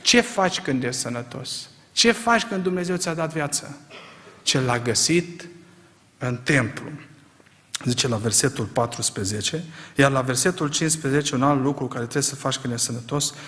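A man preaching a sermon, asking rhetorical questions and swinging from quiet, measured lines to loud, emphatic ones. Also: medium pitch, in a large hall.

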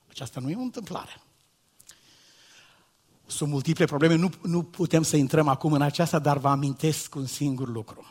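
A man preaching a sermon, asking rhetorical questions and swinging from quiet, low asides to loud, shouted exhortation. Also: slightly rough. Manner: rhetorical questions and repeated paired phrases.

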